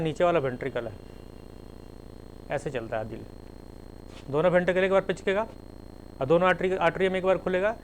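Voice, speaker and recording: Male lecturer, slightly high voice, methodical classroom delivery, spells terms out, faint room noise. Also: poor audio. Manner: spells terms letter by letter, explains with everyday examples. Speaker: teacher.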